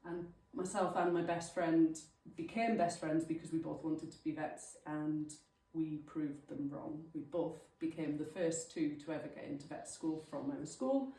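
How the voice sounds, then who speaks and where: Captured in an echoey village hall by a distant mic, a native Welsh-speaking woman from Wales, in her thirties, gives a chatty, self-deprecating guest talk to a local group. Her low-pitched, dark voice stays steady, and her pace is measured, with few pauses.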